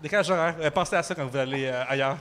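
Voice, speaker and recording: A man in his thirties with a Québécois French accent, telling a travel anecdote on a live podcast, animated and full of fillers and slang. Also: mid-range voice, very fast, a little hiss or hum. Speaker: guest storyteller. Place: microbrewery with live audience.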